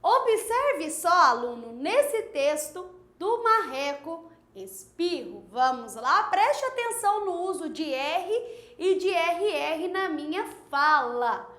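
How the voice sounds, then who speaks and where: A woman teacher with a Brazilian accent giving an online lesson, slowly drawing out and repeating words to model pronunciation. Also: very high voice, sing-song, a bit bright, reverberant. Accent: Brazilian Portuguese. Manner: slow, drawn-out didactic speech, repeating words for pronunciation.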